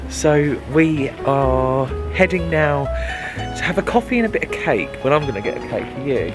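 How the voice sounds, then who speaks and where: A young English travel vlogger with a slightly high, expressive voice talks at a moderate pace, chatty and upbeat, to the camera in his outstretched hand. Music accompanies him through castle grounds, parkland and a shop.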